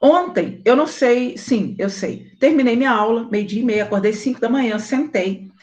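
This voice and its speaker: A woman host with a Brazilian Portuguese accent, talking casually to her audience and telling stories with animated, acted-out dialogue. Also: a little high, normal speed. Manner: animated storytelling, acting out quoted dialogue; married woman recounting daily life.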